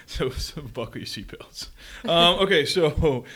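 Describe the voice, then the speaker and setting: Lively, joking man podcast host. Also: on the high side, measured pace, slightly rough. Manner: rambling, with many fillers and restarts, jokey. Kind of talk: casual chat.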